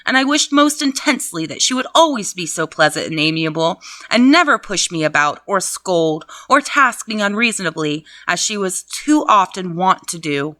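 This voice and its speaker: At home, a woman reads a classic novel aloud as reader and host, breaking off for chatty, laughing, profane asides. Her voice is lowish, expressive, bright and forceful, at a moderate pace with few pauses, and the recording has no echo.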